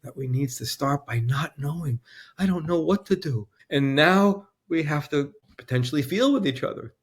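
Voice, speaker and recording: A man's voice: a little high, expressive, normal speed, slightly rough. Man, earnest, heartfelt, emotional conversation, interview guest. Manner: earnest, tearful at times.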